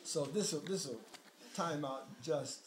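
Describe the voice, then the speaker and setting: An older man reading aloud to children in an expressive, unhurried storytelling manner, with friendly asides to his listeners. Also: fairly high pitch. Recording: echoey room, distant mic, faint noise.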